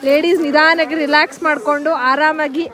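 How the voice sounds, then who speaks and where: A woman on a walking pilgrimage talks fast in a high voice with little pitch movement, narrating a casual travel vlog amid crowd chatter at a busy outdoor camp. Playful and talkative, she mixes English into her Kannada.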